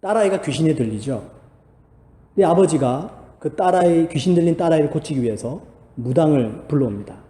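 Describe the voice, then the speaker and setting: Pastor guy preaching, mellow warm voice, kinda high, big echoey church hall. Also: lively intonation, fairly quick. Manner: earnest preaching, rising to emphatic exhortation. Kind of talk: sermon. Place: church sanctuary.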